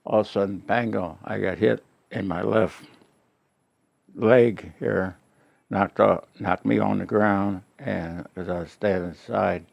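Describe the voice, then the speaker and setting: An elderly American man, a war veteran, remembering his service aloud in halting, plainspoken, unscripted recollection. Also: on the low side, fairly even intonation, creaky, no room sound, highs cut off. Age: elderly, late 80s or older.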